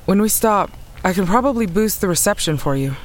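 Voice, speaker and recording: Actor voicing blunt practical scout, clipped delivery, mid pitch, audio drama. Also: expressive, a little fast, a little hiss or hum, lightly acted. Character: tough, practical scout leading the way.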